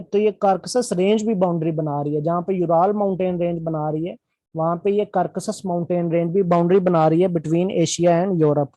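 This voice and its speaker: A man teaching a geography lesson, explaining slowly and repeating key points while checking the class follows. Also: high voice, dark tone, dry recording. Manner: explains slowly with constant check-ins and repetition. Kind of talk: classroom lecture.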